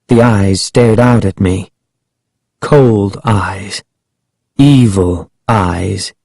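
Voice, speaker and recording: A man reading a children's horror book aloud in the first person, slow and suspenseful with dramatic emphasis. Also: fairly low pitch, gravelly, a little mellow, dry recording. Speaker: audiobook reader.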